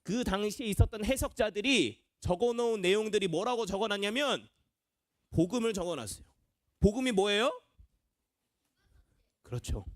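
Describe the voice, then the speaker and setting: A man's voice: high-pitched, lively intonation, moderate pace, long pauses, no echo, studio quality. A young man, a junior pastor, preaching a children's sermon in a church classroom, quizzing the kids and acting out voices. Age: young adult.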